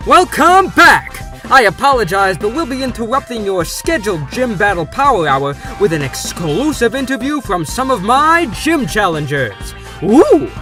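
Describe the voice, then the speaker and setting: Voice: medium pitch, big pitch swings, moderate pace, sharp tone. An actor voicing a theatrical, polite male TV talk show host in a game story, with music behind. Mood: showy, excited. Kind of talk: showy talk show presenting.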